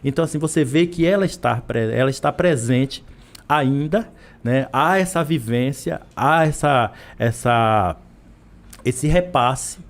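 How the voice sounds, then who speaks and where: Speaking unhurriedly in a medium-pitched voice, a man from Brazil who teaches literature is a podcast interview guest. He keeps restarting and repeating words.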